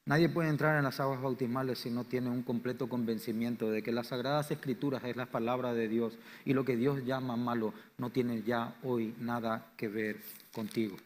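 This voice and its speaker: In a church sanctuary, a male pastor with a Paraguayan Spanish accent preaches a sermon, swinging between loud, fervent declarations and quiet, low lines. His tone stays steady and his speed normal, and the recording carries church hall reverb.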